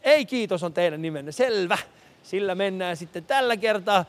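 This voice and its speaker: A high-pitched male radio host, energetic and often laughing. He roams a busy city street with a handheld mic, calling out names to strangers for a live charity show. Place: city street outdoors, passing traffic.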